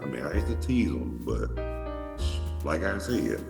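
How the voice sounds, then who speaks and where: Music plays in the background as a very animated man with a deep, creaky voice speaks at a measured pace. He hosts a show from Atlanta, Georgia, giving a rambling, profane storytelling monologue with lots of restarts, recorded from a distance in an echoey room.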